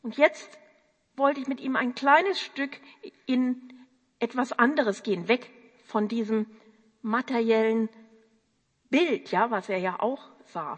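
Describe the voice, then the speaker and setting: A woman telling a personal story from her practice in an earnest, unhurried way, acting out the voices of the people in it. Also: a little high, breathy edge. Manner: slow, earnest, quotes others' voices. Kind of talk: storytelling talk. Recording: long hall reverb.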